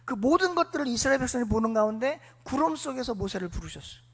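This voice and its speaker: High-voiced woman preaching in a reverberant church. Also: lively intonation, fast talker, slightly rough. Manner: asks the congregation questions and answers them herself; acts out biblical figures in casual speech. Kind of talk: sermon. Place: church sanctuary.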